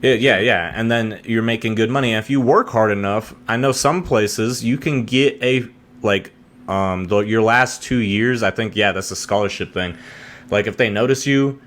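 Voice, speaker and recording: Young texan guy with a really low voice, blunt, swears a lot on a podcast. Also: moderate pace, fairly bright tone. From Texas. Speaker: podcast co-host. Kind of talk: casual chat.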